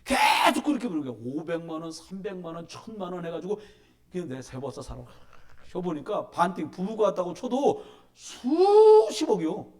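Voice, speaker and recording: A middle-aged man preaching in a church sanctuary, his voice sitting high and swinging widely in pitch. He tells stories and presses his points home with emphatic, animated delivery. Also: moderate pace. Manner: animated storytelling, emphatic exhortation. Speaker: pastor. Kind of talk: sermon.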